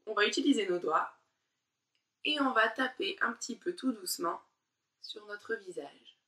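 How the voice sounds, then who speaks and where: A woman teaching a diction warm-up lesson, articulating syllables slowly and with exaggerated care while guiding exercises. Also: mid-range voice, lively intonation, reverberant, recorded from a distance. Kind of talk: online speech warm-up lesson.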